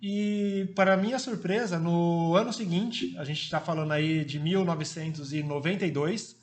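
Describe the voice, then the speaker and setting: A man's voice: on the high side, normal speed. A man in his forties from Brazil, a former marathon runner telling his story as a guest in a friendly, casual way, with fillers. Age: 40s.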